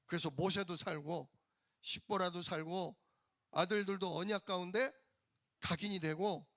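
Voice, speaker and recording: A man's voice: high-pitched, fairly even intonation, measured pace, fairly bright tone, no room sound, studio quality. A male pastor preaching a sermon in a church, emphatic and firing rhetorical questions at the congregation.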